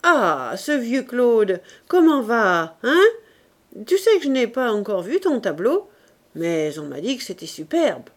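A woman voicing a jovial, loud-voiced young male painter in an audiobook, speaking in a slow, expansive way. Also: mid-range voice, lively intonation.

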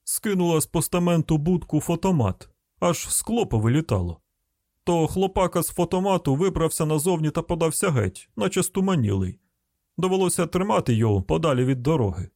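A man voicing a grumbling older rural man with an Arkansas accent, loud and folksy, in an audiobook reading. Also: fairly high pitch, lively intonation, brisk, no room sound, clean studio sound, pitched above the performer's own voice.

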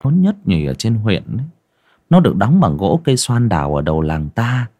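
A man narrating a ghost story in a slow, hushed, dramatic way. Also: fairly low pitch, very animated, muffled recording. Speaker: audiobook narrator.

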